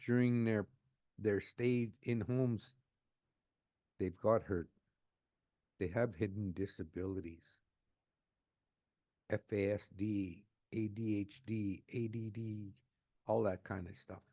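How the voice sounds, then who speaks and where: A man in his sixties telling his own life story, unscripted and emotional, often halting and repeating words as he restarts a phrase. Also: fairly low pitch, steady tone, warm tone, no room sound, studio quality. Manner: emotional, earnest. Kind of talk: personal testimony, unscripted.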